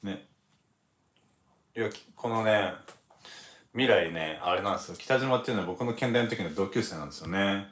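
A man who is a former baseball pitcher hosts a relaxed livestream, chatting casually, reading viewer comments and laughing often. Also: moderate pace, long pauses, roomy sound.

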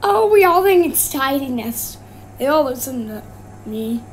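Woman gaming host, excitable and jumpy, talks slowly between outbursts; noisy track with clicks. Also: high voice. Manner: excitable, yelps and exclaims in surprise. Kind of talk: live gameplay commentary.

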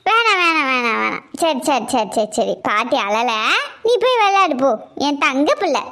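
A woman's voice: very high voice, animated, normal speed, a bit bright. A woman playing a scheming old mother-in-law who dotes on her grandchild, muttering suspicious asides. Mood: doting. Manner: muttering suspicious asides, fussy and doting with the child. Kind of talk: comedy skit.

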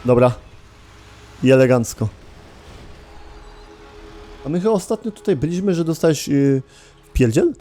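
A man's voice: a little high, expressive, unhurried, pauses often, mellow, soft background music. A man hosting a gaming channel, giving casual gameplay commentary, chatting to his viewers and swearing often.

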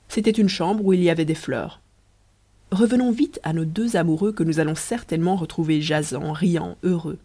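An audiobook narrator reading a story aloud in a measured, wry storytelling manner. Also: mid-range voice, warm tone.

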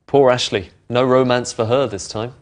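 A middle-aged man presenting a lesson in a studio, explaining patiently and clearly. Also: mid-range voice, fairly even intonation, normal speed, music in the background. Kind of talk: friendly teaching explanation. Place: indoor studio with brick walls.

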